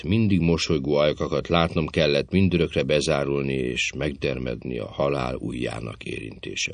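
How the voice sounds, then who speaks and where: A man narrating an audiobook in a measured, solemn storytelling manner. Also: extremely low pitch, vocal fry, dry recording.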